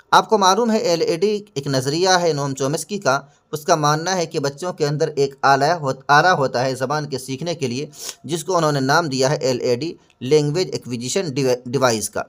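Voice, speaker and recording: A man talks through exam questions like a classroom teacher. His voice sits a little higher than most men's. He poses each question and then answers it himself. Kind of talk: explanatory lesson narration.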